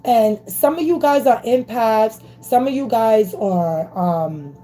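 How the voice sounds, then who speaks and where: Talking slowly in a dark, higher-pitched voice, a woman who does spiritual readings delivers a casual, motivational message to her phone camera. Her slangy, emphatic delivery is punctuated by a constant "okay?" to her listeners, captured in low-quality audio.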